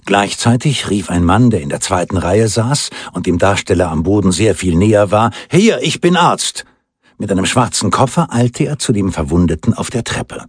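A man with a husky voice reading a crime novel as an audiobook, with measured storytelling delivery. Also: deep voice, no echo, clean studio sound. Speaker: audiobook reader. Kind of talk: scripted audiobook narration.

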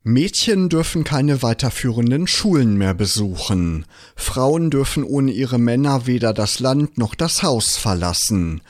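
Male news narrator, lively delivery. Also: medium pitch. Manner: measured reporting tone. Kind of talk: scripted narration.

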